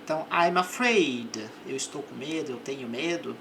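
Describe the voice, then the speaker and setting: A woman's voice: rumbling low, fast, gravelly, a little hiss or hum. A woman gives a patient vocabulary lesson, repeating each word and example. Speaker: English teacher. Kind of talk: slow, methodical vocabulary lesson.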